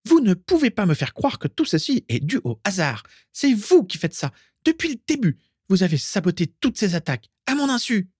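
Man putting on a shrill furious woman. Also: very animated, a little fast, husky, no room sound, clean studio sound. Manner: shrieking, accusing. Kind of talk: audiobook reading.

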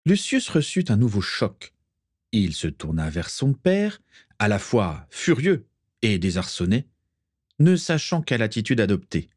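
A man narrating a storybook aloud with an expressive reading. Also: on the low side, a little slow, no echo, studio quality. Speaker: audiobook reader.

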